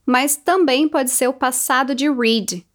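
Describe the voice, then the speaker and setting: Woman teacher, kinda high voice, slow and careful, says words for you to repeat. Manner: slow, clear, modeling words for repetition. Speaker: English teacher. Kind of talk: pronunciation lesson.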